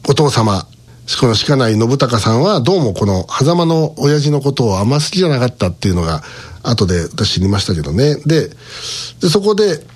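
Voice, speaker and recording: A middle-aged man, a radio show host, telling a story in a casual monologue and chuckling between points. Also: medium pitch.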